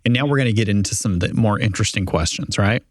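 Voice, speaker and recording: A man's voice: lowish voice, very fast, no echo, clean studio sound. Folksy man co-hosting a talk show. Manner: folksy and casual. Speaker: co-host.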